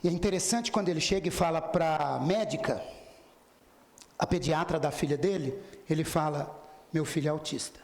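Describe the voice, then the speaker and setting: Guy giving a spiritist talk, kinda high gravelly voice, acts out the quotes, echoey hall. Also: normal speed, a little mellow. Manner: retells dialogues in quoted voices, speaks directly to listeners. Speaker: spiritist lecturer. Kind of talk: storytelling lecture to an audience. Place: spiritist center lecture hall.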